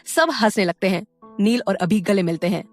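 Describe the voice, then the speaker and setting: Woman, story narrator, scripted narration, even storytelling, mid pitch, faint music behind. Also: normal speed, no echo.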